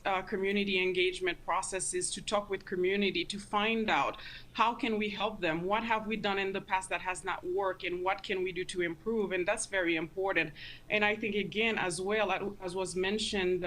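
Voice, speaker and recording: A woman's voice: medium pitch, fairly even intonation, normal speed, fairly bright tone. Earnest woman giving interview commentary. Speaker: interview guest, community advocate.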